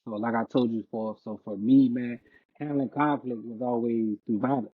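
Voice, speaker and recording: Man, podcast co-host, casual chat, emphatic heated slangy talk, mid pitch, tinny dry recording. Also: steady tone, moderate pace, breathy edge, dry recording.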